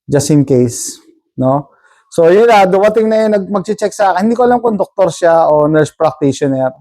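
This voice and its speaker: High-voiced, mellow man telling a story. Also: lively intonation, moderate pace. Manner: chatty, rambling, tags sentences with "no?". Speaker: vlogger. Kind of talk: casual storytelling to viewers.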